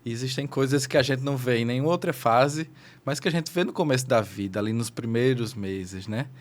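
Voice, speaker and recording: A man's voice: medium pitch, brisk. A man with a Brazilian Portuguese accent, a pediatrician hosting a podcast, talking in a friendly, conversational way. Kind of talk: podcast interview.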